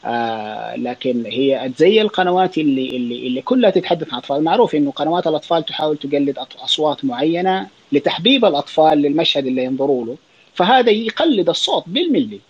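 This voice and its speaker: Fast-talking Saudi man explaining. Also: on the high side, animated, breathy edge, dull audio. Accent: Saudi Arabic. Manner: explanatory, thinks aloud with fillers and quick restarts. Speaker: child and adolescent psychiatrist answering listener questions. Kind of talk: casual spoken Q&A on an online audio space.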